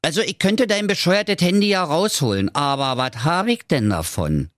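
A cheeky, wheedling frog done by a man talks in a pinched, raised voice with a Berlin accent. His pitch hops lively up and down in a dry, close recording. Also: moderate pace, no room sound.

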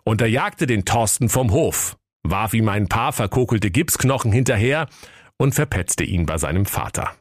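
A man narrating a comic fairy tale for children in a lively, playful storytelling manner, in a studio. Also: lowish voice, moderate pace, no echo.

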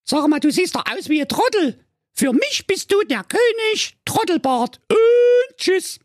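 A man voicing a snippy, bratty young princess in a cheeky falsetto. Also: very animated, measured pace, dry recording, clean studio sound, heavily acted. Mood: mocking.

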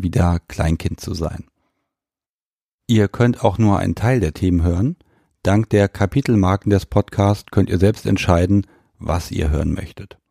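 A man's voice: sits low, vocal fry, mellow, no echo, clean studio sound. A man hosting a podcast and interviewing a guest in a casual, conversational way. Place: guest's living room.

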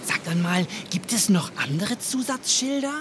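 A performer voicing Kasper, an excitable, curious puppet jester in a children's audio play. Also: medium pitch, moderate pace, slight background noise. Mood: eager. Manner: curious, asks many questions. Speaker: puppet character.

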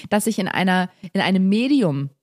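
A woman co-hosting a comedy podcast, tossing in dry, quick-witted remarks. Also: mid-range voice, lively intonation. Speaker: podcast co-host. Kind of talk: casual comedic chat.

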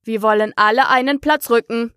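A woman's voice: fairly high pitch, fairly even intonation, a little fast, fairly bright tone, clear, resonant tone, dry recording, clean studio sound, natural voice. A woman reading the part of a rude, eccentric hatter in a storybook, speaking brusquely and mockingly.

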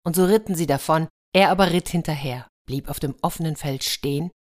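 Give me a low-voiced woman narrating a fairy tale with a lively touch. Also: fairly quick. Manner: lively, addresses the listeners. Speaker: storyteller.

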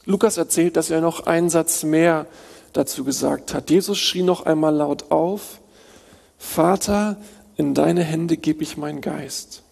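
A man preaching a sermon, driving his points home with emphatic repetition of short phrases and moving between hushed and urgent delivery. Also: a little high, vocal fry, husky. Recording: reverberant hall sound.

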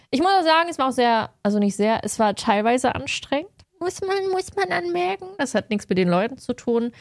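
A young woman, co-hosting a podcast, telling stories in a lively way and acting out the people in them. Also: medium pitch, no echo, clean studio sound. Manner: lively storytelling, acts out quoted people. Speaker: podcast co-host. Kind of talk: casual chat.

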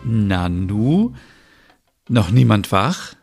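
A man's voice: fairly low pitch, big pitch swings, extremely slow, vocal fry, faint music behind, full character voice. A man voicing a chatty, self-absorbed mother in a comedy audio sketch, who talks to herself dramatically and giggles.

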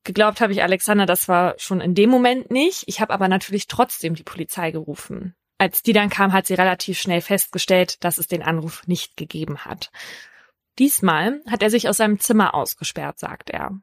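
A woman hosting a true crime podcast, telling a case in a measured, scripted first-person narration. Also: mid-range voice, no echo, clean studio sound.

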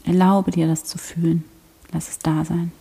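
A woman guiding a prayer meditation in a soft, slow, half-whispered voice. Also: fairly low pitch, flat delivery, vocal fry, husky. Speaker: prayer guide.

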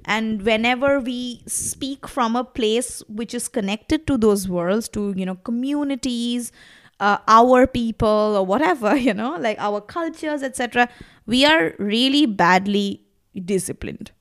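Her voice is a little high and a little slow as she chats casually on a podcast. She's in her thirties, speaks Bangla as her first language, and comes across as reflective and passionate, using many fillers.

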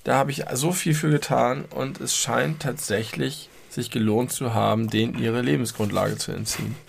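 A man with a gravelly, creaky edge to his voice, chatting casually as a podcast co-host. He jokes around and picks at how words are stressed, at a middle pitch. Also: fairly even intonation, normal speed, a little hiss or hum. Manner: joking, nitpicky about word stress. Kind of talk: casual chat.

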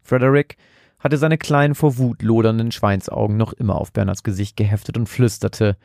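A man reading a scripted horror story in a measured, dramatic way. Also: lowish voice, steady tone, vocal fry, a little mellow, no echo, clean studio sound.

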